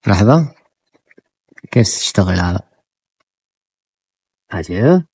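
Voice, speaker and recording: Very low-voiced woman, playful vlogger. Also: sing-song, slow pace, a little mellow, breathy edge, no room sound. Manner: playful and coaxing, repeating admiring exclamations. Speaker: family vlogger filming children. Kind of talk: casual family vlog commentary.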